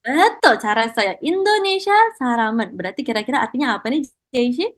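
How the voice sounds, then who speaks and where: Teaching Korean in an online class, a high-voiced woman walks students through each step and showers them with praise, mixing Korean words of encouragement into Indonesian. Her tone is warm and supportive, her delivery animated and racing.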